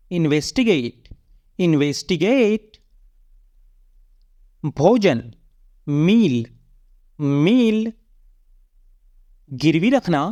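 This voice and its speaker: Vocabulary teacher, very slow deliberate drill reading, even and measured, dry close sound. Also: mid-range voice, dry recording.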